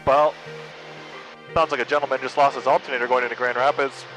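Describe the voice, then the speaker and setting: A man's voice: medium pitch, little pitch movement, fast. An American man working as a pilot, making clipped aviation radio calls and cockpit comments. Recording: aircraft cockpit audio, music behind.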